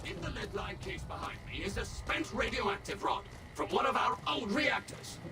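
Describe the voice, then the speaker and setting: A man's voice: high voice, big pitch swings, normal speed, music in the background. An actor playing an overly polished, servile male robot tour guide in a video game, with a synthetic robot sound and cheerfully scripted phrasing. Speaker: game character.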